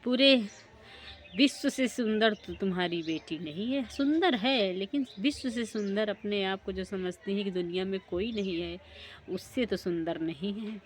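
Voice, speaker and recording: A woman voicing an outspoken, proud matchmaker woman who mocks and lectures loudly. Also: a little slow, lightly acted. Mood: lecturing. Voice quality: loud, high-pitched and scolding. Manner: mocking, lecturing.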